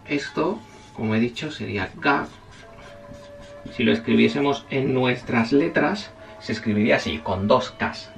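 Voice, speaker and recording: Man, gravelly voice, casual teacher, chatty and self-correcting, distant mic, faint music behind. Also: medium pitch. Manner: chatty, self-correcting, checks in with listeners often. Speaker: Japanese language teacher. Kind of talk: casual spoken lesson.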